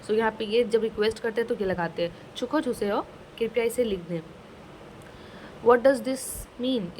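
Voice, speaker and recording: A woman teaching a casual language lesson, slowly explaining each phrase and repeating it twice, mixing English words into her talk. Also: fairly high pitch, a little hiss or hum, low-quality recording. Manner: mixes English words into Hindi.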